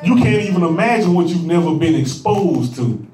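A man preaching a sermon as pastor, with a rising call-and-response cadence that swells into shouts. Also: a little high, lively intonation, moderate pace, echoey room, recorded from a distance.

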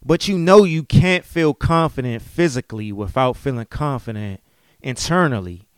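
A man's voice: medium pitch, moderate pace, smooth, no echo, studio quality. A man in his late thirties, a podcast host, talking candidly and emotionally about his life, often adding "you know what I'm saying". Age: late 30s. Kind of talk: candid personal podcast talk.

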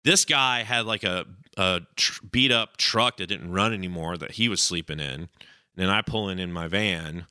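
Young guy rambling thru a story on his podcast, lowish voice, super bright and dry. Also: normal speed, clean tone, dry recording. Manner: rambling, acts out quoted voices with raised pitch. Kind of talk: casual storytelling.

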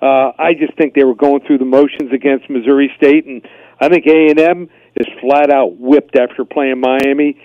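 A man's voice: mid-range voice, fairly even intonation, normal speed, no room sound. Male betting analyst, slightly dull sound. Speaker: guest sports betting analyst. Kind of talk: sports betting analysis on radio. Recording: slightly dull, dry radio link.

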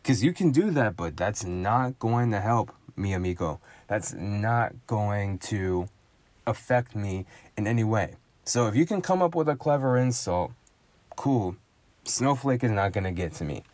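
A man's voice: on the low side, animated, unhurried, a little mellow, no room sound. A man in a casual solo monologue, sardonic and profane, riffing with emphatic asides.

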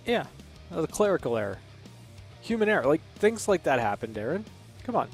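A man's voice: a little high, sing-song, brisk, soft background music. A man co-hosting a sports radio show in casual chat. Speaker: radio co-host.

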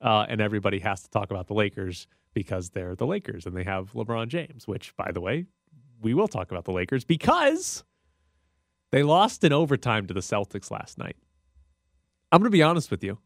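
A man's voice: on the low side, sing-song, brisk, dry recording, clean studio sound. A man hosting sports radio with casual, opinionated talk.

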